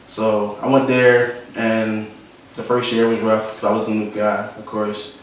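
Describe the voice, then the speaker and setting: With a lowish voice, a completely flat delivery, and an unhurried pace, a young man with a Philadelphia accent looks back on his life in a casual interview, often repeating himself. He is a photographer from Philadelphia, interviewed in a studio room. The distant mic catches room echo and a little hiss or hum.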